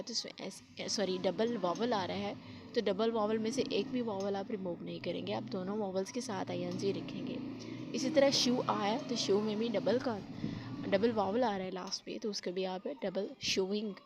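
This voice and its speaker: A woman's voice: mid-range voice, noisy background. A woman teaching spelling rules, explaining patiently step by step and mixing in English terms.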